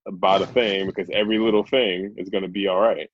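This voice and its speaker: A man's voice: low-pitched, fairly even intonation, fast, dull audio, slight background noise. A man hosting a podcast, chatting in a laid-back way and laughing easily. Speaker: podcast host. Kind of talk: casual podcast chat.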